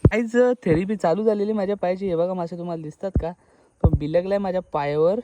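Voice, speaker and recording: A man's voice: sits high, fairly even intonation, fast, dark tone, dry recording. A man chatting and joking through a casual travel vlog by the sea, filmed on a handheld phone. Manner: chatty, joking, switching between Hindi and Marathi. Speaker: vlogger. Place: outdoors by the sea. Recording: noisy outdoor phone recording.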